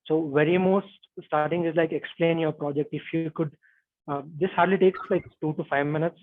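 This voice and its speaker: A man speaks over a bad video-call connection that leaves his voice thin and narrow. His voice sits a little high, with a dry, close sound. He talks hesitantly as a guest, filling pauses with "like" and "uh". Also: fairly even intonation, dry recording. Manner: hesitant, many "like" and "uh" fillers. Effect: bad connection, narrow phone-like call audio. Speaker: interview guest, software tester.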